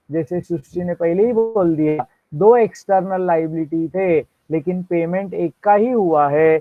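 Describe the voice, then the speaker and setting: A man with an Indian accent teaching accounting in a lecture, dictating entries slowly and quizzing his students. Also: a little high, no room sound. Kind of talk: classroom lecture mixing Hindi and English. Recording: dry, tinny phone-like sound.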